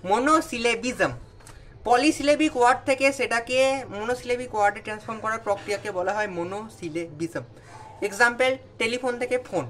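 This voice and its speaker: A young adult male tutor with a Bengali accent leads an exam revision lesson, explaining terms and then asking students "understand?" to check they follow. His voice sits high with a fairly bright tone.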